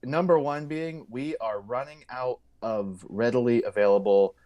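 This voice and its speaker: A man co-hosting a podcast in casual chat. He delivers his jokes dry and deadpan, at a middle male pitch. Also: a little slow, dull audio. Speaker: podcast co-host.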